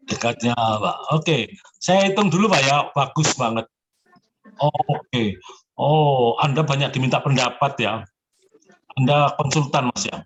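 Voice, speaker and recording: A man's voice: mid-range voice, lo-fi sound, noisy background. A man in his seventies giving personal zodiac readings on a call. He speaks in an encouraging, emphatic way and addresses the listener respectfully. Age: 70s. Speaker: zodiac fortune consultant.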